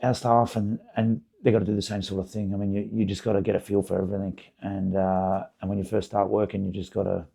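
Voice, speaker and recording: A middle-aged man with a hoarse, croaky voice, talking casually as a podcast guest, with many fillers and restarts. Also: deep voice, flat delivery, quick pace, hardly any pauses, dark tone. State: hoarse, voice partly gone. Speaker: podcast guest, basketball facility owner. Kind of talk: casual interview chat.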